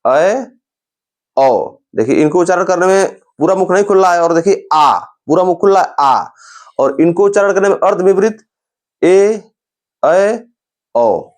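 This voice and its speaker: A man teaching grammar in a lecture style. He explains slowly, repeats sounds and terms, and keeps calling the listener's attention. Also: high-pitched.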